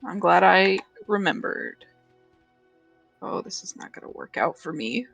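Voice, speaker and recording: A woman chats playfully on a stream, telling quick joking stories. Her voice sounds close and dry, with no room around it, and soft music hums faintly behind. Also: fairly low pitch, expressive, vocal fry, slightly rough, dry recording. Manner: playful storyteller, quick to joke. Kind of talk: casual chat.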